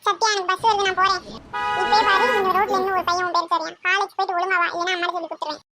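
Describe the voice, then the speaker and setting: A woman's voice: very high-pitched, level tone, loud music behind the voice. A woman voicing a bossy teenage girl, the sister, who nags and fires off questions. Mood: nagging. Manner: nagging, rapid questioning.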